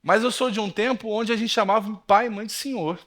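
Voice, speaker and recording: A pastor in his thirties with a Brazilian Portuguese accent preaches in a church, telling lively stories to the congregation, whom he addresses as brothers. His voice is high and a little fast.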